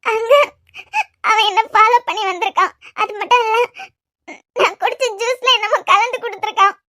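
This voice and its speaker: A woman's voice: very high-pitched, moderate pace, pushed and bright, dry recording, studio quality. A woman voicing a tearful young bride in a cartoon, pleading her innocence, with a Kanyakumari Tamil accent.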